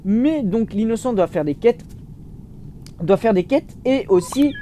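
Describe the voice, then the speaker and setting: Young let's-play host, mellow tone, swinging pitch, rambling restarts, faint background hiss. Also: male voice, measured pace. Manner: chatty, restarts a lot, excitable bursts. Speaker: gaming YouTuber. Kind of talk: casual let's-play commentary.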